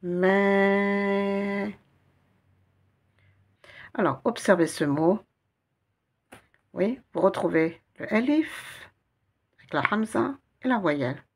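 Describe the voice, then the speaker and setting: Slow, gravelly woman teaching Arabic reading. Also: medium pitch. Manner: patient, slow and didactic, repeats syllables. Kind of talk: guided reading lesson.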